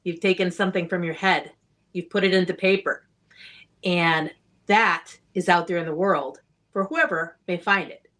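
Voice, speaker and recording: A woman's voice: fairly low pitch, steady tone, moderate pace, a bit bright. Guest, woman author; earnest, encouraging, plainspoken interview answers.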